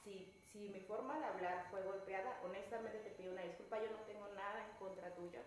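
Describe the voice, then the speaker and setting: A woman's voice: medium pitch, steady tone, a little fast. A woman employee frankly recounting a misunderstanding and apologizing for her blunt way of speaking. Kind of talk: explaining and apologizing in a staff meeting. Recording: echoey room, mic far off, faint noise.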